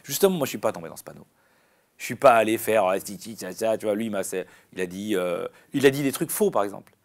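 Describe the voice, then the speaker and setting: Gravelly, rambling man. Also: lowish voice, quick pace. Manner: animated, rambling, many restarts and fillers. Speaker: comedian guest. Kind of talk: casual interview chat.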